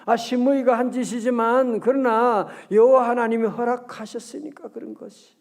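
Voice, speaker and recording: A male pastor with a very high voice speaks at an early-morning prayer service, animated and conversational. He regularly quizzes the congregation and slows right down to read scripture aloud.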